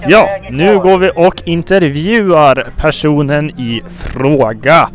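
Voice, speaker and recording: A man's voice: fairly high pitch, lively intonation. En man som leder och rapporterar skämtsamt, torrt och ironiskt, om ett spel. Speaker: host and mock reporter. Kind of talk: joking mock sports reporting over a game.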